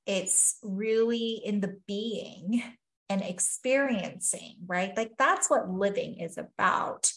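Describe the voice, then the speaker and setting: In an echoey room, a woman from Taiwan, a doctor and life coach, takes her time as a guest on a reflective podcast. Her mid-range voice is fairly bright, her manner sincere and considered, with many a "you know" and "really."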